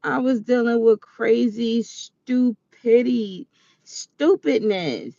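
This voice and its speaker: A woman's voice: fairly high pitch, expressive, slow pace, creaky, mellow, dry recording, muffled recording. Earnest preachy woman in her forties. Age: 40s. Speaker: vlogger. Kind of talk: casual advice monologue.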